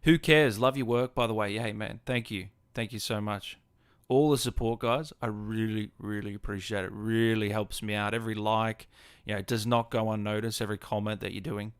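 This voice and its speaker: This gaming streamer and host is an Australian man whose voice runs on the low side, steady and smooth, at a fairly quick clip. The recording is dry. He's chatting informally on his livestream, responding to viewers' comments and treating them like mates.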